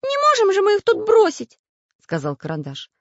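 A woman voicing an eager male artist who draws with his nose, speaking very high and loud in a dry, dull recording. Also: huge pitch swings, normal speed, no room sound, exaggerated voice. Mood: earnest.

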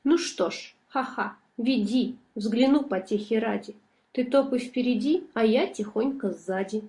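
A woman voicing a big, scary but gullible forest monster with a gruff, blunt manner in a storybook. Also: a little high, unhurried, a little mellow.

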